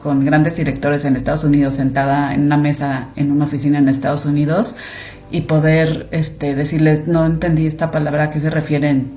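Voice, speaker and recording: Her low voice barely moves in pitch, brisk and warm, with soft music in the background. She's a Mexican clinical monitoring director guesting on a podcast, chatting animatedly in Mexican Spanish and using plenty of fillers in the casual interview.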